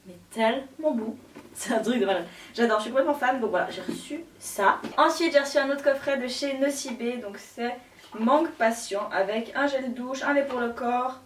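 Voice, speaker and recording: A woman's voice: fairly high pitch, distant mic, a little hiss or hum. Gushing young woman vlogger, echoey room. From Switzerland. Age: young adult. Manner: gushing, slangy, full of fillers. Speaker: beauty vlogger. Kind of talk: casual haul chat to camera.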